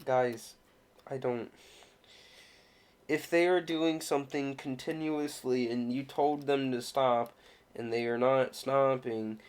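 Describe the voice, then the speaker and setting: A man co-hosting a casual podcast chat, calm and insistent, often restarting with repeated words. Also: mid-range voice, clear, resonant tone.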